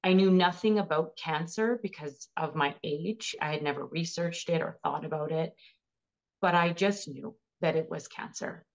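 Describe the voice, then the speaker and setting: A woman's voice: sits low, moderate pace, highs cut off. A woman in her thirties earnestly and emotionally recounting her own experience in an interview. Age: 30s. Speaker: cancer patient sharing her story. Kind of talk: personal storytelling interview.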